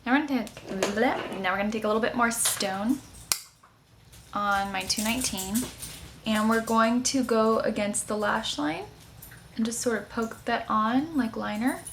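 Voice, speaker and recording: Creaky-voiced woman giving a makeup tutorial. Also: on the high side, a little slow, fairly bright tone, slight background noise. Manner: chatty, informal, explaining each step. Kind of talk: casual makeup tutorial, step-by-step instruction.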